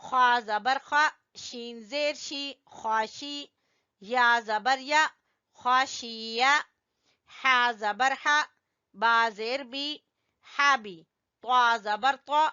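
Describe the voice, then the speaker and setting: A woman with a bright, crisp, fairly high voice teaches recitation at an unhurried pace. She spells out letters and vowel marks one by one, patiently repeating them and gently correcting her learners. The recording is slightly muffled and lo-fi. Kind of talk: slow drilling lesson with call-and-response.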